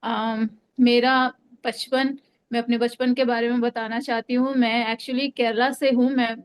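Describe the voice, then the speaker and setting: A woman's voice: fairly high pitch, flat delivery, measured pace, clear, resonant tone. A young adult woman from Delhi giving a personal faith testimony, hesitant, with many fillers and restarts. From Delhi, India. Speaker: testimony speaker.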